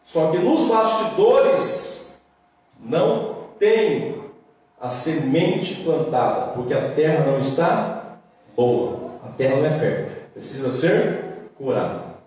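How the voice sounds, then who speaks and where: A young-adult man with a Brazilian accent preaching a sermon, lively and swinging between loud and soft. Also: on the high side, slow pace. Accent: Brazilian Portuguese. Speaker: pastor. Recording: roomy echo, distant mic.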